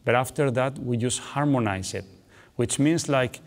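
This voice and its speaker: Seated in a dark studio with a guitar on his lap, a male guitar teacher explains technique between bits of playing. His medium-pitched voice moves at a moderate pace, relaxed and chatty, with phrases often ending in "okay" and "you know." Long reverb surrounds the voice and the guitar.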